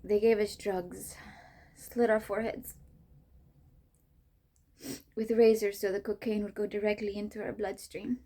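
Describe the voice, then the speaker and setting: A woman's voice: mid-range voice, level tone, a little slow, long pauses, mellow, close to an everyday voice. A woman performing a monologue as a young mother, a former child soldier, grieving her baby, tearful and often dropping to a whisper. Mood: hushed. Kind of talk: dramatic monologue rehearsal.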